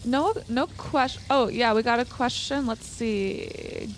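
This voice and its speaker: A woman's voice: on the high side, slow, slight background noise. A woman assisting a live cooking class, making brief, helpful asides.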